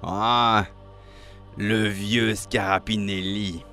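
A man voicing a giant old sailor with a gravelly, rum-soaked voice, in a storybook reading. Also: fairly low pitch, fairly even intonation, extremely slow, bright, forceful tone, heavily acted. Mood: booming. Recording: faint music behind.

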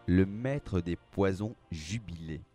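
A man reads a story aloud in a measured, dramatic manner. His voice sits a little low. Soft music plays quietly under the narration. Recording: faint background music.

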